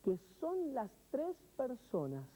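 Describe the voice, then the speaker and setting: A man's voice: very high-pitched, wildly swooping pitch, slow, mellow, poor audio. A male pastor preaching a sermon, speaking expressively, asking the listener questions and telling everyday stories. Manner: storytelling with everyday examples.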